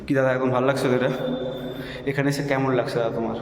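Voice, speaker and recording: A man's voice: medium pitch, level tone, rapid-fire. A man with a Bengali accent narrating a casual travel vlog, chummily addressing viewers as friends. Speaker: travel vlogger. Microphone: handheld phone. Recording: noisy on-location phone recording.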